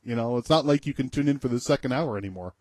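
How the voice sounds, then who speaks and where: A man co-hosting an internet radio show in casual chat, jokey and quick to laugh, stumbling over his words. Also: medium pitch, darkish tone, dry recording.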